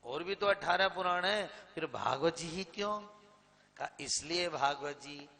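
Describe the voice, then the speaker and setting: Gravelly, bright-voiced preacher in a reverberant hall. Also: male voice, fairly high pitch, animated. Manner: dramatic storyteller, slow and emphatic, swells loud when sung. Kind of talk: sermon with chanted verses. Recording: reverberant hall, slightly distant.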